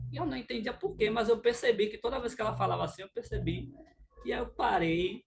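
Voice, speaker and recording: A middle-aged man with a Brazilian Portuguese accent, lecturing an audience in a lively, informal way and acting out little scenes. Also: high voice, gravelly, a little hiss or hum. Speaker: speaker at a relationship talk.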